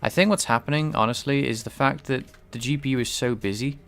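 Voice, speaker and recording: With faint music behind him, a man speaks at a quick pace in a medium-pitched voice as he streams live-coding commentary on his game engine. He's hesitant and keeps restarting, and a cold leaves him sounding somewhat nasal and stuffed-up.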